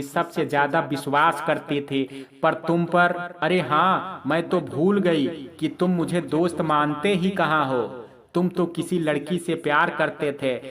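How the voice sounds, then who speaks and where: A man's voice: fairly high pitch, natural voice. A man voicing a grieving, angry young widowed wife in a spoken Hindi story, with accusing, tearful questions.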